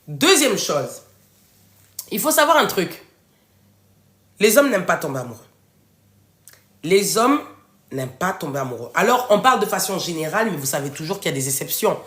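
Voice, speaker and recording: A woman hosting a casual live stream, giving relationship advice and answering viewers' comments in an expressive way. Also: on the low side. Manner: animated and expressive, addresses viewers directly and answers chat. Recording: echoey room.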